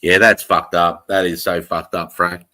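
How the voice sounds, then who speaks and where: An Australian man hosts a casual livestream, chatting in a blokey, slang-heavy style and swearing plenty. His voice is low and sharp-toned, delivered flatly at a normal speed.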